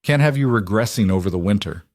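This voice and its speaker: A man voicing a quiet, steady reformed drifter who speaks low and gently. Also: fast talker, dry recording, clean studio sound, natural voice. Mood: tender.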